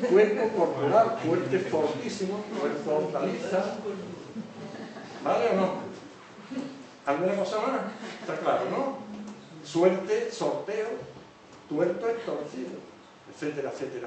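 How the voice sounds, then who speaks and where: A man's voice: high-pitched, darkish tone. A man giving a public lecture as a teacher, explaining examples and often checking in with his listeners. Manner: keeps checking in with the audience. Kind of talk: public lecture on word origins. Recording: echoey hall from far off, faint noise.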